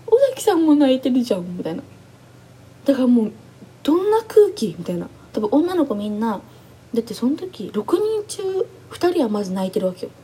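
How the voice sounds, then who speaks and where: A young woman chatting excitedly as she recaps a reality show, animated and acting out what people said. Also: mid-range voice, slight background noise. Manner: gushing, animated, acts out quotes. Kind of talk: excited casual recap chat.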